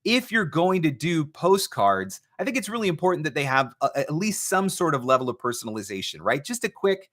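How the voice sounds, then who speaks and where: A man hosts a casual question-and-answer stream as a voice-over marketing coach, talking conversationally and repeating phrases to stress his points. His voice is a little high and fairly bright, very animated, slightly fast, with few pauses.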